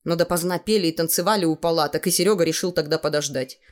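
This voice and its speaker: A woman with a lowish voice reads a literary story aloud. Her reading is measured and expressive. It sounds like a calm audiobook narration.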